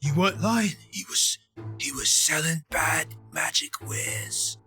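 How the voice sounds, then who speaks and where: A man's voice: on the high side, takes it slowly, sharp tone, faint music behind, voice pushed up, heavily acted. A man doing a startled town guard. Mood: astonished.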